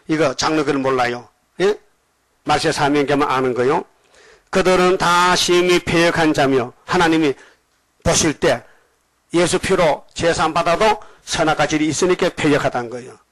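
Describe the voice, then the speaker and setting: An older male pastor delivers a lively sermon and keeps quizzing his congregation. His voice sits a little high for a man. The sound is close and dry, with almost no room echo. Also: normal speed. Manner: animated, questioning the congregation.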